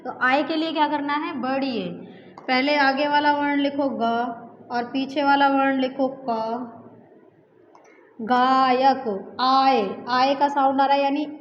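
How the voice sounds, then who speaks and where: A woman's voice: high voice, fairly even intonation, a little slow. A woman teaching a grammar lesson for exam preparation, talking patiently and repeating each example, often checking in with her students. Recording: echoey room, dull sound, faint hiss.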